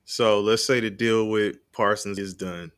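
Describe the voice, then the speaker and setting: A man's voice: fairly low pitch, steady tone, a little slow, clean tone. A man co-hosting a casual sports podcast, laid-back and questioning. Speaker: podcast co-host.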